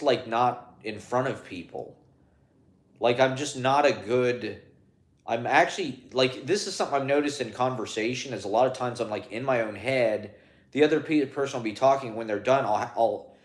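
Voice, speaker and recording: A man who performs as a clown, speaking to his phone in a rambling casual monologue, halting, with many fillers and restarts. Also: mid-range voice, echoey room.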